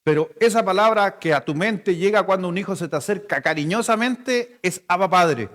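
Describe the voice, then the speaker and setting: A man's voice: sits high, moderate pace, a bit bright, in a large hall. A male pastor with a Chilean Spanish accent preaching a sermon in a playful, conversational way, telling stories to his congregation. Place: church hall.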